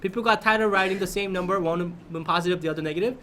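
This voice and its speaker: A man's voice: high-pitched, very fast, sharp tone, slight background noise. A man teaching a math lesson to his class, often prompting students with questions and checking that they follow.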